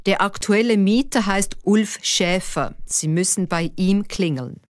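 Slow, careful woman reading lesson dialogue. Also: mid-range voice, dry recording, studio quality. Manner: careful, clearly articulated, each line said twice. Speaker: dialogue reader for a language lesson. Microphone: dry studio voice-over.

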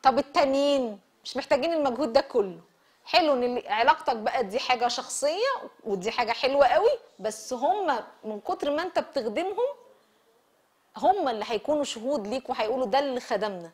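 A woman with an Egyptian Arabic accent lecturing church servants, lively and quizzing the audience. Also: high voice, fast, breathy edge. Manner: lively, asks the audience questions, laughs with them.

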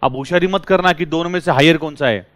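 A man teaching a class, lively and drilling his students with repeated questions. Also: fairly high pitch, fast, no room sound. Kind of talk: classroom lecture.

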